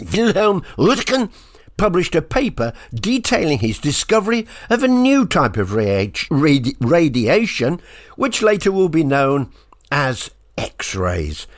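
A man with a Birmingham accent, presenting a radio show in a chatty, playful way with swooping exclamations. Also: a little high.

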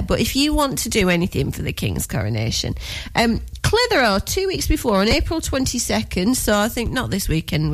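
A woman's voice: fairly high pitch, low-quality recording. A woman with a Lancashire accent presenting casual live radio in a chatty, giggly, colloquial way.

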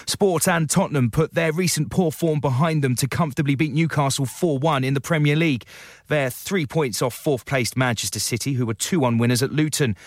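A man's voice: mid-range voice, no room sound, clean studio sound. A British man reading a scripted radio news bulletin as a newsreader.

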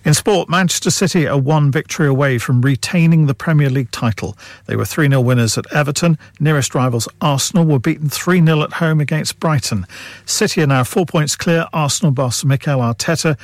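A man's voice: fairly high pitch, a little fast, no room sound. A man with a British accent reading a scripted radio news bulletin in a studio. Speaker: radio newsreader.

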